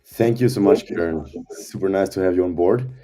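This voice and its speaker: A man's voice: low-pitched, fairly quick, warm tone, faint music behind. A man presenting a community update as CTO, talking enthusiastically about a conference. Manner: enthusiastic, keeps saying super.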